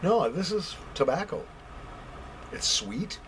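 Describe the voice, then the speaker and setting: A man's voice: fairly high pitch, sing-song, slow, background noise. An American man giving a casual, conversational review to camera, repeating phrases for emphasis. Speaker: pipe tobacco reviewer. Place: basement.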